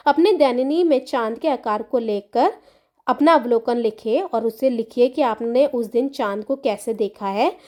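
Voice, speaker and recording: A woman's voice: a little high, a little slow, darkish tone. A woman teacher patiently explaining a textbook chapter to young children, repeating key words and checking they follow.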